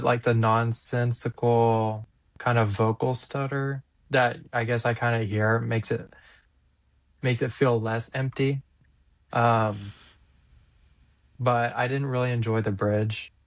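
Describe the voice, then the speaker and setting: Male co-host, middle pitch, easygoing and hesitant. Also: unhurried, no room sound. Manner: relaxed, laughs easily, hesitant fillers. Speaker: podcast co-host. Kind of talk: casual chat reviewing songs.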